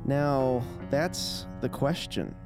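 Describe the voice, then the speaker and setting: A man running a tabletop role-playing game, narrating deliberately and with suspense as game master. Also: mid-range voice, music in the background.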